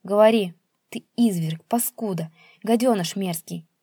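A woman's voice: unhurried, warm tone, breathy edge, no room sound, studio quality. A woman voicing a spiteful old male pensioner who screeches and jeers at his son. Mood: abusive. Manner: shrill, screeching, jeering.

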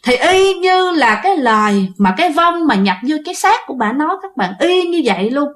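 A woman's voice: high-pitched, big pitch swings, fairly quick, fairly bright tone. A woman with a Southern Vietnamese accent telling a ghost story casually, chatting directly to her listeners. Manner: chatty, addresses listeners directly, many fillers.

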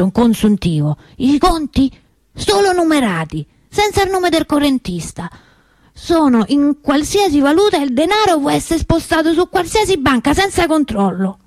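A stage and radio actress plays a middle-aged, working-class Roman souvenir seller in a theatrical monologue. Her female voice is medium in pitch with a darkish tone, and she rambles and confides in a colloquial, suspicious, indignant way. The studio recording is clean, with no echo.

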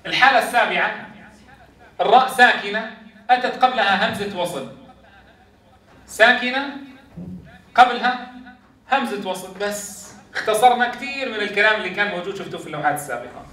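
A man's voice: high-pitched, a little fast, long pauses, pushed and bright. A man, teaching a class on recitation rules and quizzing his students. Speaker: Quran teacher. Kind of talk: classroom lesson on tajweed rules. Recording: echoey classroom, voice from far off.

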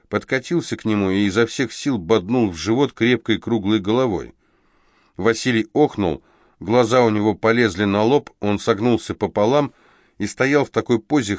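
A man reading a novel aloud as audiobook narrator in a steady, even storytelling manner. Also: lowish voice, dry recording, studio quality. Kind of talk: scripted narration.

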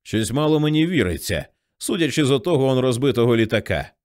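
A man voicing a crude, shrill-when-scared local. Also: expressive, fast, darkish tone, lightly acted. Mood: awed. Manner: swears bluntly, turns shrill in panic. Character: rough older male local, crude-tongued.

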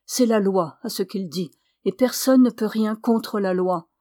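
A woman voicing an exhausted, grief-stricken young man, halting and subdued. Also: mid-range voice, dark tone, no echo, clean studio sound, natural voice. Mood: bitter.

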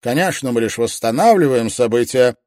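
A man voicing a calm, sarcastic male detective interrogating a suspect in an audiobook. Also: mid-range voice, a little fast, no echo, clean studio sound, lightly acted. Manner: sarcastic, coolly reasoning. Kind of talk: audiobook character voice.

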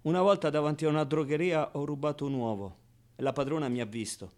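In a theatrical first-person radio monologue, a male stage actor with a natural, slightly high voice plays a scrappy, wounded orphan recounting his childhood. The wistful, subdued delivery is colloquial and theatrical, full of halting repetitions, swinging between outbursts and quiet confiding.

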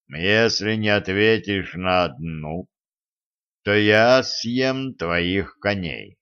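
A giant male stone monster rumbles out his threats in a booming, hollow voice, as a male audiobook reader puts him on. He drags each word out slowly and mockingly, low in pitch. The recording sounds dull and lo-fi. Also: a bit bright, exaggerated voice. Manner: slow, drawn-out threatening speech.

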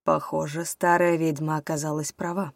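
A woman voicing a cold, menacing male villain who speaks low and slow in an audiobook. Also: level tone, vocal fry, dry recording. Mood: cold menace.

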